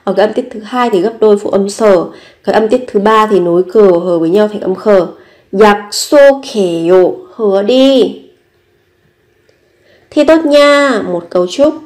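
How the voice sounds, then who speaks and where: A woman's voice: mid-range voice, moderate pace, darkish tone. A woman teaching a language lesson, patiently repeating each phrase and explaining it step by step. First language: Vietnamese.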